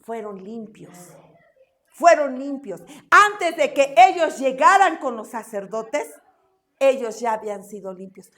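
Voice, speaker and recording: A woman teaching a church Bible class in a lively way, asking the class questions and acting out quotes. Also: sits high, unhurried. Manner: animated, asks the class questions, acts out quotes.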